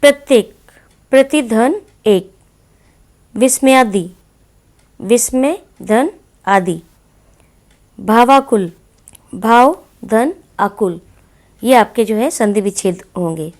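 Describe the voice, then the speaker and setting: Slow-speaking woman Hindi teacher. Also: a little high, lively intonation, darkish tone. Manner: slow, deliberate, addresses students directly. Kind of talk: classroom lesson explaining exercises.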